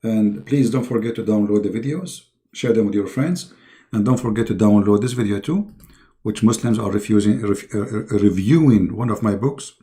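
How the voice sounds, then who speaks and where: Stream host, male, mellow dark voice gone hoarse, coughs and clears his throat a lot. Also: fairly low pitch, normal speed. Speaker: online debate host. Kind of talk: live-stream talk to viewers.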